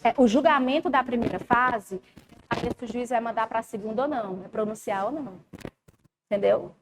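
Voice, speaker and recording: A woman's voice: fairly high pitch, a little fast, background noise. A woman with a Brazilian Portuguese accent, teaching law in a live class, chatty and addressing students directly.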